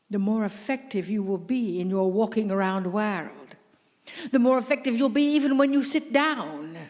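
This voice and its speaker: Woman channeling a cheerful otherworldly group voice, slow and high, long hall echo. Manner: playful, laughing, addresses crowd as dear ones. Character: group spirit channeled, playful, grandly affectionate. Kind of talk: channeled message to a live audience. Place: large room with audience.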